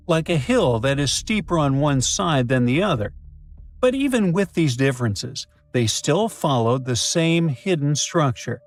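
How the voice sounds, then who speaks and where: A man narrates an educational script in a somewhat high, lively voice with a very animated pitch, slipping in playful asides. Soft music plays quietly behind him. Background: faint background music.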